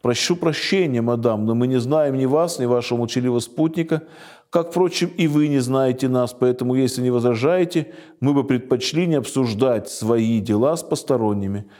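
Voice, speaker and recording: A man's voice: medium pitch, moderate pace, dark tone, natural voice. A man reading the part of a wary, guarded male guide who speaks dryly. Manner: dry and guarded. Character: wary, dry male guide of young travellers.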